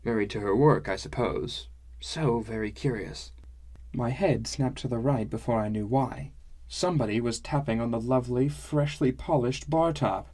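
A man reads a fantasy audiobook in first person, measured and wry in his delivery. His pitch sits mid-range for a man. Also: darkish tone. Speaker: audiobook narrator. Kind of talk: scripted first-person narration.

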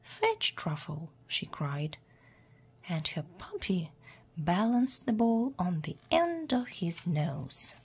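A woman reading a children's storybook aloud in a hushed, half-whispered way. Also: fairly low pitch, sing-song, slow pace, husky. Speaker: storyteller for English learners.

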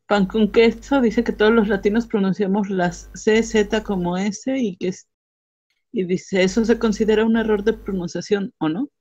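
A woman's voice: mid-range voice, steady tone, normal speed, warm tone, highs cut off. A woman from Venezuela, reading chat messages aloud and chatting casually.

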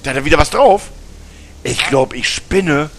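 At a moderate pace and with lively intonation, a German man provides let's play commentary in northern colloquial speech. He's chatty and teasing, retorts to the game characters as he plays, and breaks out in high-pitched laughter.

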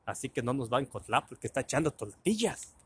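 A man voicing his mischievous boyhood friend, a scheming kid who talks in a hushed voice. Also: mid-range voice, a little fast, husky, close to an everyday voice. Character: mischievous boy, narrator's childhood partner in pranks.

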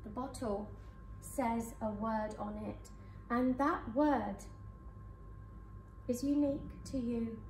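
A woman hypnotherapist leading a guided hypnosis session for a live audience in a conference room, speaking in slow soothing suggestions. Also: on the high side, fairly even intonation, darkish tone, slight background noise. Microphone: far camera. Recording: echoey room from far off.

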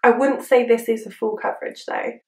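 A woman's voice: a little high, steady tone, fairly quick, darkish tone, distant mic. A young woman with a chirpy, perky manner, chatting casually to camera as a beauty vlogger reviewing a product. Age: young adult. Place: small room indoors. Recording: roomy indoor echo.

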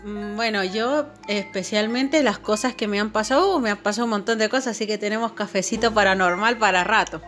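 A woman's voice: medium pitch, fairly quick, few pauses, fairly bright tone, faint music behind. A woman casually telling a personal paranormal story to her viewers, chatty and full of fillers and little "right?" tags. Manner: chatty, filler-heavy, keeps asking "¿no?". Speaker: channel host.

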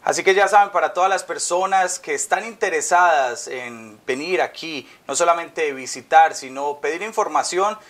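A man's voice: a little high, normal speed, few pauses, fairly bright tone. A man in his thirties hosting a TV interview in an upbeat, welcoming way. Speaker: TV host. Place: office, indoors. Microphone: lapel.

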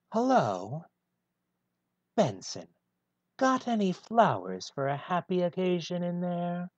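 Gruff male hedgehog antihero voiced by a man, lively swings in pitch, dull dry home recording. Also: no echo, full character voice. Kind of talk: one-take fan voice reading of a film script.

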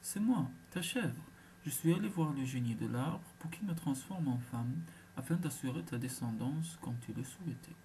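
A man's voice: medium pitch, expressive, normal speed, mellow, a little hiss or hum, lightly acted. A man voicing a devoted old goat turned young woman, speaking earnestly in a raised voice in a told folktale. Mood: pleading.

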